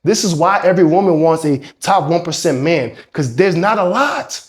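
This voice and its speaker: A dating coach talks to camera in a motivational pep talk for men, emphatic and preachy and swearing freely. His voice is on the high side, expressive and at a normal speed, though congested from a cold.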